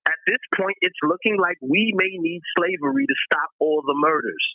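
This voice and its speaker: A man calling in over a tinny, narrow phone line with a dry sound. His voice sits a little high, and he talks bluntly, swearing freely as he argues his view. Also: very animated, normal speed, gravelly, no echo. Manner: blunt, profane and opinionated. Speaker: caller. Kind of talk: casual chat.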